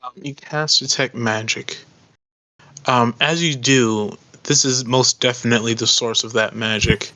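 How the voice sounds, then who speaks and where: A man's voice: medium pitch, fairly even intonation, measured pace, bright, forceful tone. A man narrating as game master of a tabletop role-playing game, hesitant with many ums and uhs.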